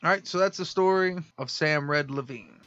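A man's voice: on the high side, moderate pace, a bit bright, highs cut off. A man hosting a casual podcast, telling a crime story and reading out quotes. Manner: storytelling, reads quotes, laughs along. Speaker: podcast host.

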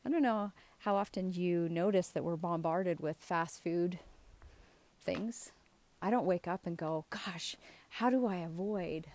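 In a dry recording, a middle-aged woman with a lowish, slightly mellow voice hosts a show as a self-esteem coach. She talks casually and earnestly out of the side of her mouth, checking in with emphatic questions.

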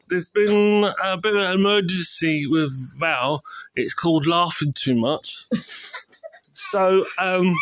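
Slow, calm woman host. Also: on the low side, no room sound. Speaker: podcast host. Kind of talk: casual podcast hosting.

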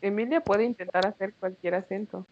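A woman's voice: mid-range voice, steady tone, brisk, darkish tone, slight background noise. A young woman with a Mexican accent, joking and teasing as podcast co-host. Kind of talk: casual chat. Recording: dull lo-fi sound.

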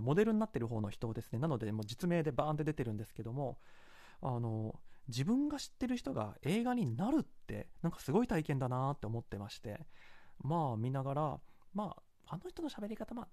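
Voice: medium pitch, warm tone, dry recording, studio quality. A channel host from Kansai gives a casual solo film commentary, analytical and digressive, often hedging. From Kansai, Japan.

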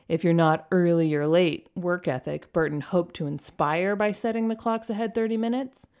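A woman's voice: fairly low pitch, a little mellow. A woman narrating a novel in the first person, in a dry, wry manner. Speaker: audiobook narrator.

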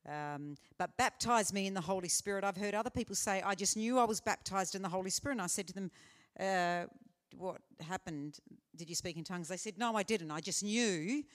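A woman's voice: mid-range voice, brisk, few pauses. A woman speaker answering questions in a live teaching session, earnest and conversational with frequent fillers. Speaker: conference speaker. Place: conference hall.

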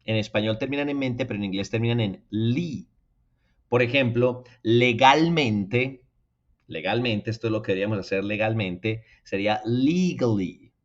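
A man from Latin America teaching an English lesson, repeating each word slowly and often, then talking quickly to the viewers at home. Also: fairly low pitch, dull audio. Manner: drills words slowly and repeats them, then talks fast; addresses viewers directly, encouraging them to repeat. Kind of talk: spoken language lesson.

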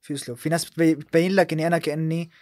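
Podcast host, fast, agrees a lot, dry close mic. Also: male voice, a little high, level tone, darkish tone, no echo. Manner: agreeing, chiming in briefly. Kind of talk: casual podcast chat.

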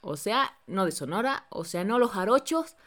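A woman from Mexico hosting a podcast, chatty and enthusiastic with quick asides. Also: medium pitch, expressive, fairly bright tone. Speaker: podcast host. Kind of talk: casual podcast interview.

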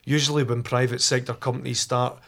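A Scottish man talking casually in a group chat, animated and telling anecdotes. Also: medium pitch, fairly quick, gravelly. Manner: animated, voices imagined dialogue.

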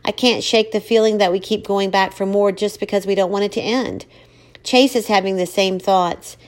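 Woman, audiobook narrator, first-person story, expressive, emotional dialogue. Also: mid-range voice, normal speed.

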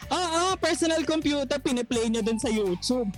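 A woman's voice: high-pitched, lively intonation, moderate pace. A young woman co-hosting a casual podcast, telling stories and ribbing her friends. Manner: storytelling, playful ribbing. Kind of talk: casual chat. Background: loud music.

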